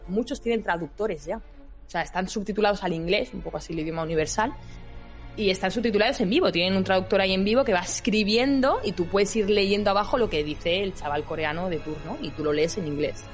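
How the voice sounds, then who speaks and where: A woman's voice: mid-range voice, fast talker, faint music behind. A woman, a content creator talking casually as a podcast guest, telling stories with many fillers and restarts.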